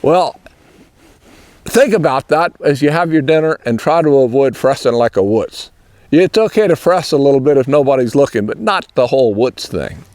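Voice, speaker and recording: A man's voice: mid-range voice, animated, normal speed, darkish tone, no room sound. An older man giving a folksy, rambling horse-training talk in an easygoing, storytelling way.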